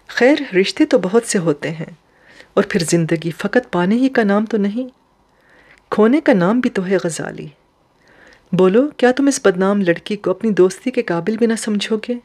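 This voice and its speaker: A woman's voice: mid-range voice, expressive, a little mellow, close to an everyday voice. A woman voicing a proud but wounded young woman who pleads emotionally with a friend. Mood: bittersweet. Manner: emotional, impassioned questioning.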